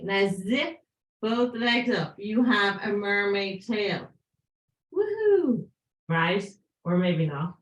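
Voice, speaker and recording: Slow-paced woman teaching yoga, fading voice. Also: medium pitch, a bit bright. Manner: encouraging, playful cueing with breath counts. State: losing her voice. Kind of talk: live yoga class instruction. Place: yoga class room. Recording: echoey room.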